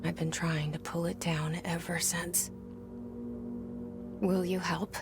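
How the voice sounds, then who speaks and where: An actress playing a guarded, haunted young woman in a video game, narrating her thoughts in a breathy, creaky whisper. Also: lowish voice, level tone, slow, music in the background. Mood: haunted, hushed.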